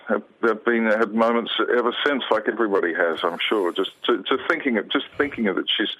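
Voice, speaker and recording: A man from New Zealand, a guest on a radio show, talking with emotion, halting and restarting often. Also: fairly low pitch, a bit bright, poor audio. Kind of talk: phone interview on radio.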